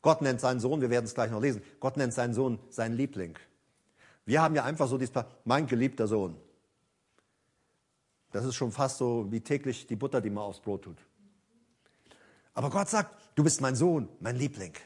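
A man preaching a sermon in a church service, fervent, swinging between loud emphasis and soft near-whispers. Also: medium pitch, moderate pace, long pauses, slightly rough. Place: church during a worship service.

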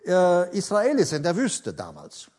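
A man preaching in a church service with a high, very lively voice that leaps up and down. He is fervent and swings from loud emphasis to soft, hushed asides. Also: measured pace. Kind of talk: sermon. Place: church during a worship service.

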